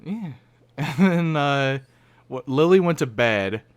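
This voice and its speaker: A young man chats on a casual podcast in a smooth, clear voice that sits a little high for a man. He tells long stories in a rambling way, with frequent restarts. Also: expressive, takes it slowly. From Oregon, United States. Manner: rambling, self-interrupting storyteller. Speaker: podcast co-host. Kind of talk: casual chat.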